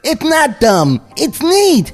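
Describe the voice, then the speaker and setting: A squeaky, frantic cartoon rabbit, his voice jumping wildly up and down. He sounds jittery and desperate, always on the edge of panic, with light music faint underneath. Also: wildly swooping pitch, takes it slowly, exaggerated voice. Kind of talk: comedic script table read.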